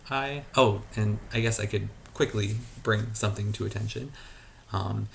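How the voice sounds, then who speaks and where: A man's voice: lowish voice, moderate pace, creaky, slight background noise. A man talking casually in his garage, rambling and hesitant, with many fillers and restarts. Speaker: vlogger. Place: garage at home.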